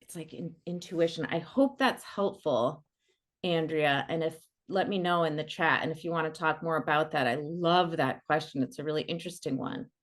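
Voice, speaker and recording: A middle-aged woman, a coach leading an online workshop, talking in a casual, animated and playful way. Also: low voice, normal speed. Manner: animated and playful, many fillers like "like".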